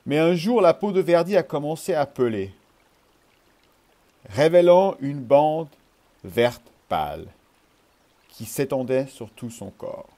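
Man, children's story reader, mellow dark tone, expressive. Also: a little high, takes it slowly, long pauses.

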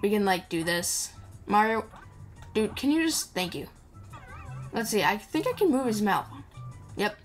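A woman hosts a game playthrough with casual, improvised commentary, her medium-pitched voice sing-song and her pace moderate with frequent pauses. Playful and chatty, she mumbles asides to the game character. Her indoor voice-over is recorded on top of the game audio, with video game music in the background.

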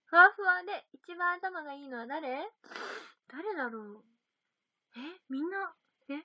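A woman's voice: extremely high pitch, expressive, unhurried, pushed and bright, dry recording. A young woman chatting casually on a livestream, reading out viewer comments and giggling often. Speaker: idol livestream host.

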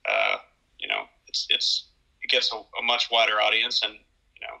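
A man in his thirties, a pro ski racer, telling stories in a relaxed casual way on a home video call, often repeating words. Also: on the low side, normal speed, gravelly, low-quality recording. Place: small room at home. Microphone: video call webcam.

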